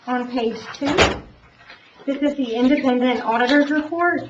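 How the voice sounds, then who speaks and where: A woman speaking through a face mask, giving a formal report presentation as an auditor. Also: on the high side. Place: public board meeting room. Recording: echoey room, distant mic, dull, faint noise.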